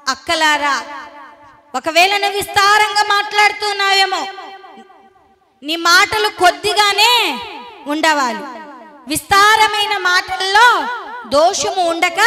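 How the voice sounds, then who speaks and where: Female preacher with a Telugu accent, very high pitch, rhetorical questions to the hall, audible congregation behind. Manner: asks the congregation questions, rising emphasis on key points. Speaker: preacher at a women's meeting. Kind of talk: sermon. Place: church hall with a gathered audience.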